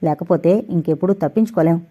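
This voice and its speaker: A woman's voice: lowish voice, fast talker, warm tone, breathy edge. A woman voicing an anxious male doctor who pleads and hurries the others along. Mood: urgent.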